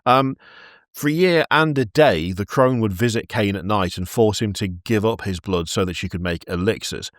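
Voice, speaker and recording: A man with a fairly low voice retells lore on a podcast in a loose, chatty way, often breaking into giggles mid-sentence and restarting his phrases. The sound is close and dry. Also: normal speed, no echo. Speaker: podcast host narrating lore. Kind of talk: casual lore narration with chat.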